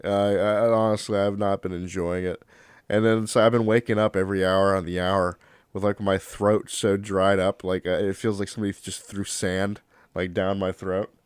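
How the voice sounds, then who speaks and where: A young man with a low voice, level and clean in tone, talks at a moderate pace as a podcast co-host. He's stuffed up and congested from a cold, and he chats loosely, rambling and swearing a lot. The recording has no echo.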